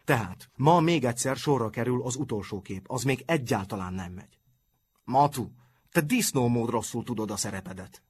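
A man doing a calm schoolboy playwright. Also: medium pitch, slightly rough. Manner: calm, matter-of-fact.

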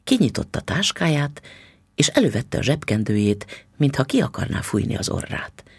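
A man reading a short story aloud as an audiobook narrator, in an expressive reading style with lively intonation. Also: medium pitch, gravelly, breathy edge, no room sound, clean studio sound.

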